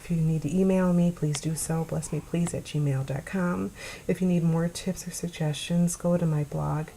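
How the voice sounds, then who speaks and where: Middle-aged woman vlogging to camera, low gravelly voice, mellow, near tears, faint hiss behind. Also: steady tone, rough recording. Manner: earnest, pleading, halting with sighs and pauses. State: holding back tears. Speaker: vlogger sharing her story. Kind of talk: personal address to camera.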